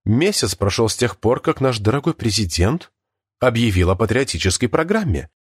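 A man's voice: mid-range voice, very animated, normal speed, husky, no echo, studio quality. A man reading an audiobook, voicing a stern, cutting female schoolteacher.

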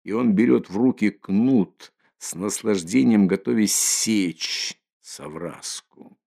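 A man reading a classic novel aloud as an audiobook, in a measured, dramatic storytelling manner. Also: lowish voice, gravelly, warm tone. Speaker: audiobook reader.

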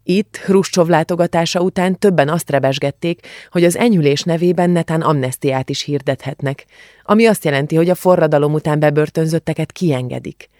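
A woman's voice: low-pitched, darkish tone, no room sound, clean studio sound, natural voice. Julcsi, a woman reading as an earnest teenage girl. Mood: wistful, earnest. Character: earnest teenage refugee girl, book-loving. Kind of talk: audiobook character reading.

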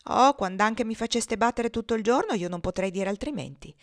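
Mischievous young girl, high voice, pleading, falsely innocent, as a woman reads her. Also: expressive, fairly quick.

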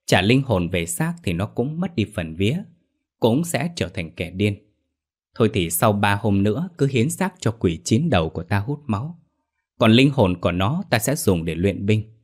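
A man's voice: fairly low pitch, big pitch swings, normal speed. A man voicing a scheming male demon master who speaks in a cold, commanding way in a horror audio story.

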